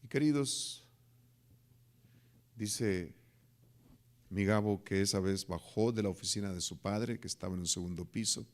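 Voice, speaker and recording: A man's voice: fairly low pitch, a little slow, long pauses. A man preaching as a pastor, telling a story dramatically and acting out the voices of the people in it. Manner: dramatic storytelling, acting out quoted voices, rising to near-shouting at climaxes. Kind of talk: sermon storytelling.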